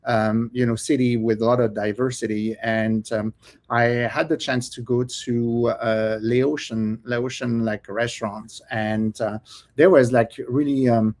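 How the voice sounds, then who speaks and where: French-accented man, halting and chatty. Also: mid-range voice, steady tone, a little mellow. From France. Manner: hesitant, many fillers and restarts, laughs often. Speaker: podcast guest, cookbook author. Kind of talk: casual interview chat.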